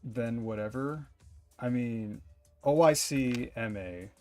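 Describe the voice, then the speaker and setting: Young male streamer, middle pitch, dry joking asides over soft game music. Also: slow. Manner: casual, wry, swears in asides. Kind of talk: reading game dialogue aloud and commenting. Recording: faint game music behind.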